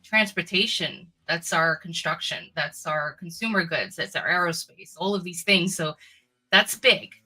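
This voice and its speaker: A woman's voice: on the low side, unhurried, bright, forceful tone, faint music behind, low-quality recording. A woman co-hosting a casual political talk show, speaking in a loose, chatty way full of "like" and "you know.". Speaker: co-host.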